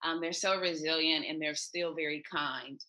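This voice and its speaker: This low, sharp-toned voice belongs to a woman from the United States who keeps a fairly even intonation and a moderate pace. Appearing as a podcast guest, the expat traveler shares cheerful stories over a remote call in a relaxed interview.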